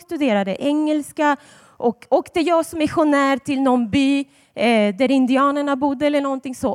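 A woman's voice: high-pitched, darkish tone. A woman preaching a sermon to a congregation, telling personal stories in a chatty way with dramatic emphasis. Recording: long hall reverb.

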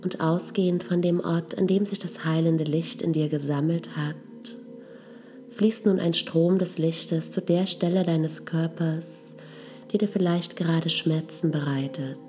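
A woman leading a guided healing meditation in a soft, gentle, breathy voice that trails toward a whisper. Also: deep voice, fairly even intonation, unhurried. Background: music.

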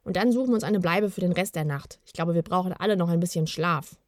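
A woman's voice: lowish voice, quick pace, no echo, studio quality, lightly acted. A woman voicing a worried, bearded male kobold who talks in an anxious, urging way in a storybook reading. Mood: uneasy.

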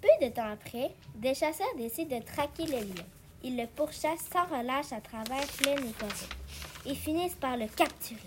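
Woman narrator for a fable read-aloud, steady and clear, high voice, faint hum behind. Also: normal speed.

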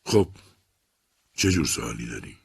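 A man voicing a troubled young army lieutenant who is withdrawn and bitter, speaking in a flat, curt, guarded way. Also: extremely low pitch, creaky, husky, pitched below the performer's own voice, exaggerated voice.

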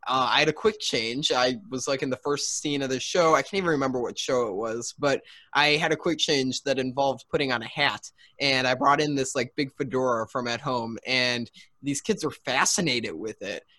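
A man's voice: mid-range voice, normal speed, sharp tone, dry recording. A man hosting a podcast, chatting casually in a rambling, hesitant way full of ums and restarts. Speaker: podcast host. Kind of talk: casual chat.

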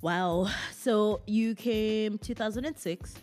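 A woman hosting a chatty interview show, speaking in an expressive, conversational way with short reactions to her guest. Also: mid-range voice, takes it slowly, faint music behind. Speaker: show host.

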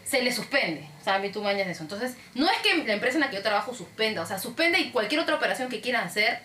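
Woman, Peruvian Spanish accent, casual podcast chat, animated storyteller, lively pitch, echoey room. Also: fast talker, a little hiss or hum. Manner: animated storytelling, acting out callers. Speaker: podcast co-host.

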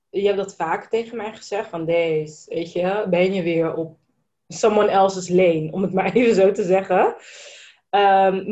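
Enthusiastic woman podcast host, mid-pitched voice, dull lo-fi recording, casual talk with English phrases mixed in. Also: mellow. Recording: dull lo-fi sound.

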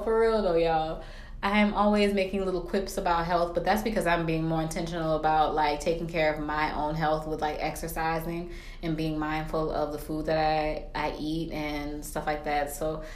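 A woman with a low voice hosts a casual chat. She rambles colloquially and drops quips, and her voice rings with noticeable room echo. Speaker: podcast host. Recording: roomy echo.

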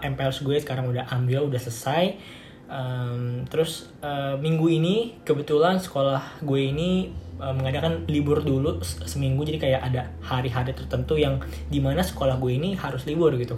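This casual solo podcast comes from a teenage boy at home, music in the background, who keeps restarting, using fillers and laughing a lot. He sounds medium-pitched, darkish and slightly hoarse, and his home setup picks up room echo and faint noise.

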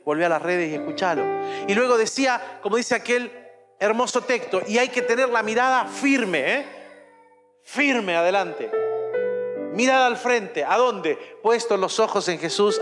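A man's voice: high-pitched, big-room sound. A middle-aged man with a Rioplatense Spanish accent preaching a sermon with passion. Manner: impassioned preaching, mimics a whining child. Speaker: pastor.

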